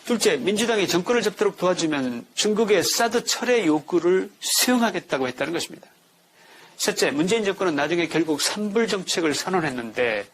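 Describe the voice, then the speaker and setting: Male commentator, slightly high voice, indignant, rhetorical, reads from a script. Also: a bit bright, a little hiss or hum. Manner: indignant, full of rhetorical questions. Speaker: political commentator.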